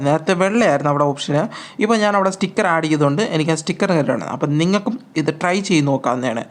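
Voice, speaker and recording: A man hosting a gaming channel, giving chatty, repetitive step-by-step instructions as a voice-over on a mobile game tutorial. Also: fairly high pitch.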